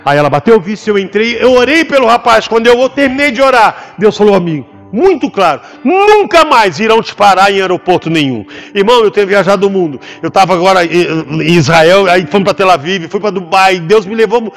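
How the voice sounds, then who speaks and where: A man with a Brazilian Portuguese accent, a pastor giving an animated testimony in church and acting out the voices in his story. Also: sits high, fairly quick, hardly any pauses. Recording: long hall reverb with faint music behind.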